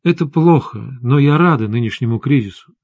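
A man reading the lines of a weary, stern female sorceress in a low, measured and grave way for an audiobook. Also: lively intonation, a little mellow, no room sound, studio quality.

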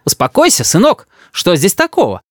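A man voicing a fussy, doting old grandmother who scolds and exclaims in a high voice. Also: wildly swooping pitch, normal speed, dry recording, studio quality, heavily acted. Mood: scolding.

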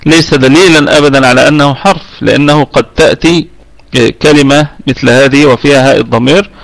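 A man's voice: fairly high pitch, fast talker, creaky. A middle-aged man with an Egyptian Arabic accent giving a live online tajweed lesson, explaining patiently and often correcting himself mid-sentence. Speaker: Quran recitation teacher.

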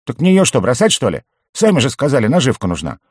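A man voicing an excitable, mischievous young male goblin jester in an audiobook, squealing and bouncy. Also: mid-range voice, a little fast, no room sound, studio quality, voice pushed up. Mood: gleeful.

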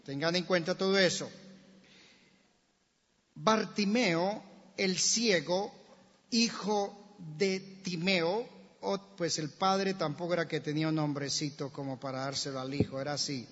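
A man preaching a sermon, telling the story with lively questions to the congregation and acting out the shouts. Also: on the high side, a little slow. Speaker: pastor. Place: church sanctuary. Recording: dull sound, long church reverb.

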